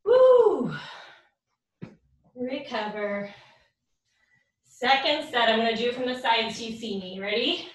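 A woman's voice: a little high, brisk, a bit bright. A woman fitness instructor leading a live home workout, counting down reps and cueing moves while out of breath. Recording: roomy echo from far off the mic.

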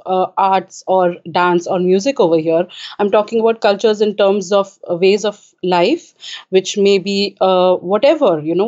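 A woman's voice: mid-range voice, darkish tone, muffled recording. A woman from Kuwait, an author being interviewed, speaking hesitantly with frequent filler sounds. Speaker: author and guest. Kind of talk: casual interview talk. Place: home in Richmond.

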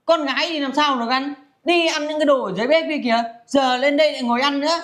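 A nagging middle-aged mother who dotes on her son and scolds her daughter, played by a woman. She talks in a high, exasperated voice throughout this comedy family skit. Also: steady tone, quick pace, lightly acted.

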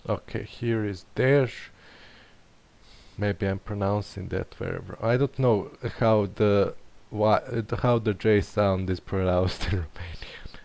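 A game streamer thinks aloud while playing a map-guessing game, muttering hesitantly and questioning himself. His voice is lowish and darkish, slow, with vocal fry.

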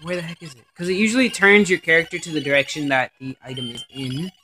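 A man doing let's play commentary on a game, excitable and rambling, swearing often. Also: on the high side, fast, slight background noise. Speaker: gaming commentator.

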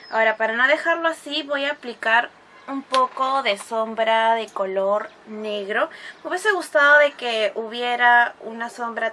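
A beauty vlogger's fairly high, pushed, bright voice carries a chatty makeup tutorial, with each step explained and bursts of gushing product praise. There's a little hiss or hum in the background.

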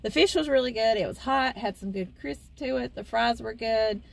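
A woman's voice: on the high side, moderate pace, creaky. A woman co-hosting a casual food vlog, chatting in an easygoing way from inside a parked vehicle. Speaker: co-host, wife. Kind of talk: casual food review chat.

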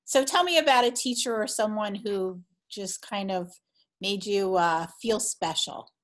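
A woman's voice: medium pitch, unhurried. A woman on a video call, leading a small group discussion in a friendly, encouraging way. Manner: friendly, encouraging, laughs easily.

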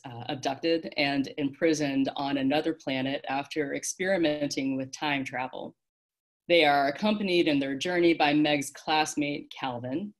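A woman leading an online worship service, reading a story aloud in a measured, expressive way. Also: deep voice. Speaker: worship leader.

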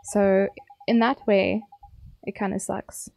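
A woman's voice: medium pitch, level tone, takes it slowly, gravelly, a little mellow, no echo. A young woman with a South African accent, chatting casually and teasingly with her viewers while streaming a game. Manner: chatty, playful, teasing chat.

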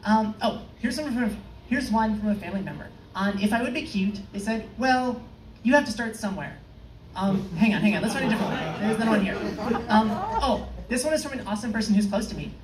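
Deadpan young woman doing stand-up, echoey club. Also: fairly high pitch, fast talker, a crowd in the background. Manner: deadpan, dry one-liners with fillers. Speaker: stand-up comedian. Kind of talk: stand-up set. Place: comedy club stage, in front of a live audience. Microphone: far room pickup, no mic held. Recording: echoey club heard from far off.

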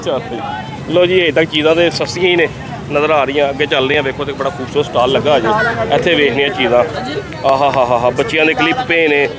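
A man with a Lahori Punjabi accent hosts a chatty, enthusiastic street vlog, touring a busy outdoor bazaar and talking straight to his viewers. His voice sits on the high side with fairly even intonation, and he speaks fast. A busy market crowd can be heard behind him.

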